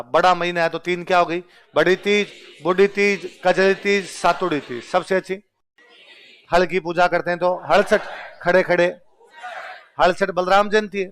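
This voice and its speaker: A man's voice: a little high, clear, resonant tone. Man quizzing students in a lecture. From Rajasthan. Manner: quizzes listeners with call-and-response questions. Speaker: teacher. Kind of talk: exam-prep lecture.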